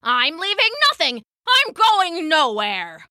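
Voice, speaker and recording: Lady doing a jealous goddess posing as an old woman, bossy and haughty, high voice. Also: big pitch swings, measured pace, pushed and bright, dry recording, studio quality, heavily acted. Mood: sweet then scolding. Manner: haughty, indignant, commanding.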